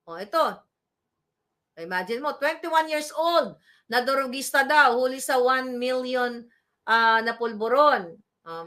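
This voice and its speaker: A woman giving animated, scolding political commentary, mixing in English phrases and asking her viewers for agreement. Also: high voice. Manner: animated, scolding, mixes Tagalog with English, asks "di ba?" often.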